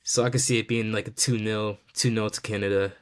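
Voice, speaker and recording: A man's voice: on the low side, level tone, a little fast. A man hosting a casual sports podcast, talking loosely with lots of fillers and restarts. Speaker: podcast host.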